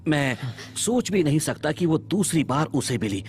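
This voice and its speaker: A man voices a puzzled man thinking aloud in a dubbed film, his pitch moving expressively as he wonders. He sounds unsure. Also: sing-song, moderate pace, a little mellow. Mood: musing. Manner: musing, uncertain. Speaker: dubbing actor. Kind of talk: Hindi movie dub.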